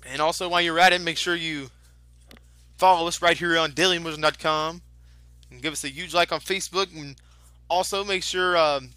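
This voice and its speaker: A man works as a lucha libre announcer, commentating off the cuff in an excitable manner. His voice is very bright and forceful, pitched high for a man. The sound is dry and close, with little room on it. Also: moderate pace, no echo. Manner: excitable announcer, exclaiming at moves. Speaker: wrestling commentator.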